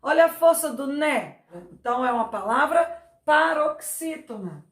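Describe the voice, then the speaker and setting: A woman teacher explaining grammar slowly, repeating words to stress their syllables. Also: sits high, lively intonation. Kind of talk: Portuguese grammar lesson. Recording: echoey room.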